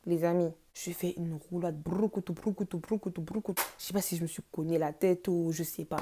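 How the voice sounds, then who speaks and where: A young woman vlogging at home, telling a storytime in a casual, slangy, animated way. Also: on the low side, brisk, slight background noise. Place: home, noisy household.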